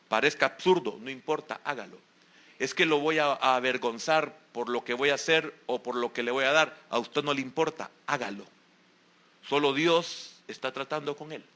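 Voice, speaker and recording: Bright-voiced pastor preaching. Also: male voice, mid-range voice. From El Salvador. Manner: emphatic preaching with repeated exhortations. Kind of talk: evening church sermon. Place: church sanctuary during a service.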